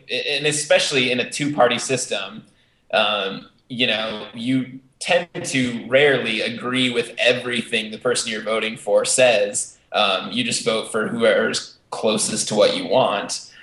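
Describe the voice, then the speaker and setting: American guy on a podcast call, wordy and halting, really echoey like he's in an empty bunker room. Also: lowish voice, fairly bright tone. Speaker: podcast co-host. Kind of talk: casual discussion. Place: sparsely furnished bare room with a desk, indoors. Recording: echoey bare room, remote internet call.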